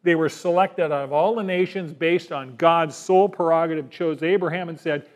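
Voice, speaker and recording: With fairly even intonation and a moderate pace, a pastor with a high-pitched voice delivers an emphatic sermon. He repeatedly addresses the congregation through rhetorical questions.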